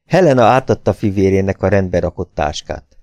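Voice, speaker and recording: Low-voiced male audiobook narrator. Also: lively intonation, a little mellow, no echo. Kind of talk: audiobook reading.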